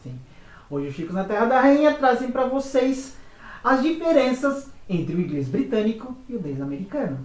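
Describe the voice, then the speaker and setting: A woman's voice: a little high, very animated, normal speed, a little mellow, recorded from a distance. A woman co-hosting a casual explainer chat, talking loosely with frequent fillers. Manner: chatty, uses fillers like "tá" and "né". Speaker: co-host. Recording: echoey room, away from mic.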